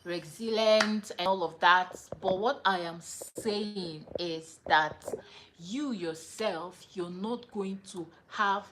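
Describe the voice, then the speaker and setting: A woman hosting a livestream, giving a motivational talk in a slow, repetitive, emphatic way with many fillers. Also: mid-range voice, background noise.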